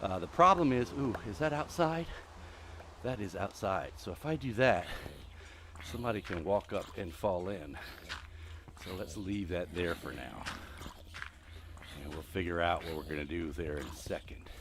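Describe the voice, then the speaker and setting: A man's voice: sits low, moderate pace, noisy background. Breathless man chatting while gaming. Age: middle-aged. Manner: chatty, rambling, talks to game mobs. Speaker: host. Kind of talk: live gameplay commentary.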